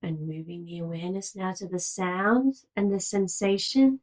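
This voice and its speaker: With a medium-pitched voice, a woman guides a yoga nidra relaxation meditation. Her instructions are calm, measured, and soothing, with long pauses between them.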